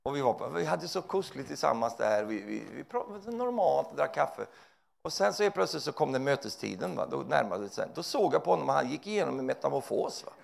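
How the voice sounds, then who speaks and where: A male preacher giving a lively, joking sermon, often ending his lines with a quick tag question. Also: medium pitch, creaky. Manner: animated, joking, tags lines with "va?".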